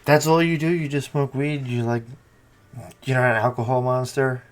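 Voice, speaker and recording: A man's voice: mid-range voice, flat delivery, moderate pace. A man hosting a podcast in casual chat, teasing and swearing a lot. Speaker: podcast host.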